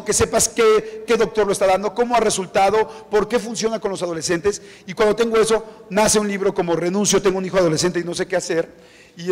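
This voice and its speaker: Middle-aged man, author at a book launch, lively storyteller who mimics the people he quotes, fairly high voice, reverberant hall. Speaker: author presenting his book. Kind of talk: anecdotal talk at a book presentation. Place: event hall before an audience.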